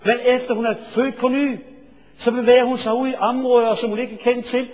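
A male preacher telling a sermon story, swinging from hushed asides to loud, excited storytelling. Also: very high voice. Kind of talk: sermon with anecdote. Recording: reverberant hall, dull lo-fi sound.

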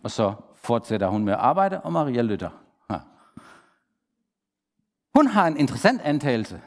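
A man preaching a sermon, lively, asking the congregation questions and acting out the people he quotes. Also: medium pitch. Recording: long hall reverb.

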